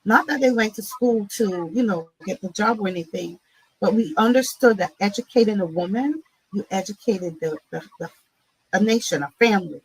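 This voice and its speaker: A nonprofit CEO from Barbados is a guest in a conversational interview. She speaks reflectively at a moderate pace in a husky, mid-range voice, often asking "right?". The audio is poor.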